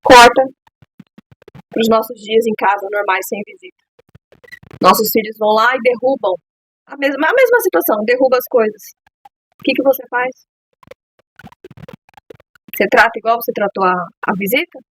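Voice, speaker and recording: Earnest husky-voiced woman. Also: on the high side, expressive, moderate pace, pauses often, poor audio. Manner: emphatic, heartfelt, repeats phrases for emphasis. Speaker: podcast host speaking to parents. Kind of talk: earnest advice monologue.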